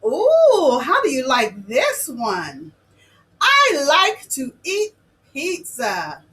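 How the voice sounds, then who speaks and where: A woman hosting a children's lesson, talking to the kids directly in an animated, sing-song way. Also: high voice, very slow, rough recording. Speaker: children's show host and teacher.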